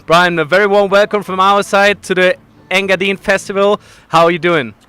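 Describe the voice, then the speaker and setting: A man's voice: high-pitched, steady tone, moderate pace, bright, forceful tone, clear, resonant tone, no echo. A man interviewing a guest at a festival, upbeat, often using fillers like "I mean". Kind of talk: outdoor interview. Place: outdoors at a lakeside festival.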